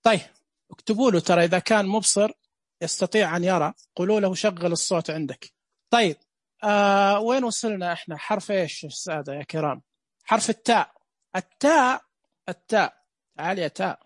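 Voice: mid-range voice, fairly quick, long pauses, no echo, clean studio sound. A Braille teacher gives a casual live online lesson, joking with viewers and repeating dot counts.

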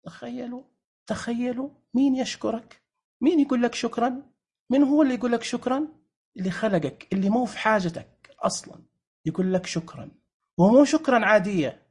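A lecturer delivers a lively slide presentation. The voice sits at a middle pitch with a husky, breathy texture, and the delivery is emphatic and animated, with repeated rhetorical questions to the audience.

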